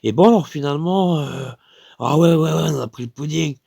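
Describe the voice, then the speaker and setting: A man's voice: a little high, moderate pace, gravelly, warm tone, no echo, clean studio sound. A man with a French accent telling a rambling comic anecdote, full of hesitations and acting out other people's lines. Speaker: comic storyteller.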